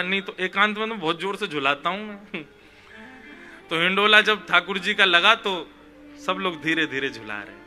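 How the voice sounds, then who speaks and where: Man, devotional storyteller, animated, acts out the characters, high pitch, faint music underneath. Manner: animated, voices the figures in his tale, chuckles.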